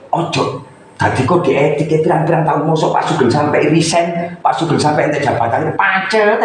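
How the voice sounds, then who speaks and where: Lively man in an echoey room. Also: on the high side, a little hiss or hum. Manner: lively, chatty, lecturing with asides and acted quotes. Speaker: coordinator of a local radio community. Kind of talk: coaching talk at a meeting. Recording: echoey room, faint background ambience.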